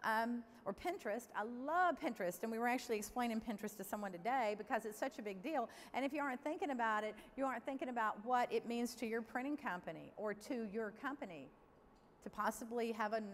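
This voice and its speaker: Middle-aged woman, keynote speaker, candid and lively, echoing big hall, faint room noise. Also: on the high side. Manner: lively, candid, addresses the audience directly. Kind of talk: conference keynote speech. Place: large conference hall.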